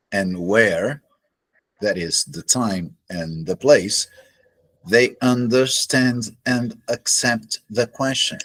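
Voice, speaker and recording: A Portuguese-speaking astrology teacher lectures alone, explaining his subject in a husky, low voice that's also a bit bright. His delivery is very slow, measured and deliberate, with pauses between phrases, captured in a low-quality home recording.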